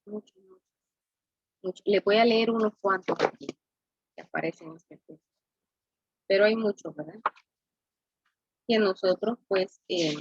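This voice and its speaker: A woman's voice: medium pitch, a bit bright, no echo, highs cut off. Teacher woman, "¿verdad?" after each point. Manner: explains slowly, keeps asking "¿verdad?". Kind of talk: classroom lesson.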